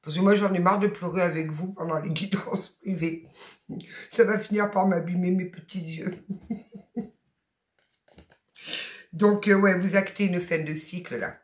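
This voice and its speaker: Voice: mid-range voice, steady tone, unhurried, long pauses, echoey room. Emphatic tarot reader with a Southern French accent. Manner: emphatic, colloquial, encouraging, blunt asides. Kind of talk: spoken tarot guidance reading.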